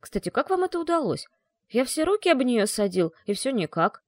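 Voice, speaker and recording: A woman's voice: a little high, sing-song, a little fast, dry recording, studio quality, pitched above the performer's own voice. A woman voicing a stubborn, brave teenage boy who talks back indignantly and grumbles. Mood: grumbling.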